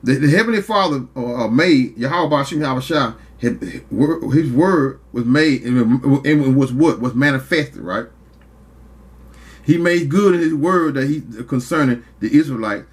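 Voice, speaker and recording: A man's voice: medium pitch, animated, unhurried. A man preaching scripture in a drawling, scornful way. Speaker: street preacher. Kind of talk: street preaching.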